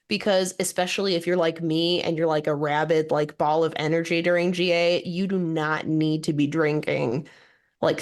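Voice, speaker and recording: A young woman guest on a podcast, energetic and chatty, full of "like". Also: lowish voice. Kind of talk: casual podcast chat.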